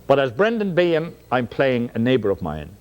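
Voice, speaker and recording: A man's voice: mid-range voice, huge pitch swings, a little fast, a little mellow, clear, resonant tone. A middle-aged man with a Dublin Irish accent, a stage actor chatting in an interview with frequent ums and restarts. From Ireland. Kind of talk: casual interview talk.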